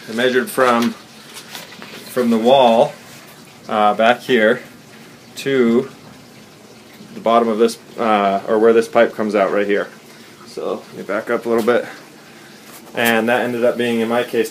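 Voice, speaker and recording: A man's voice: mid-range voice, slight background noise. A young man giving a casual step-by-step how-to in an unfinished basement bathroom, explaining plainly with fillers and corrections, recorded on a handheld camera mic. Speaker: DIY instructor. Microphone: camera mic, filming handheld and close.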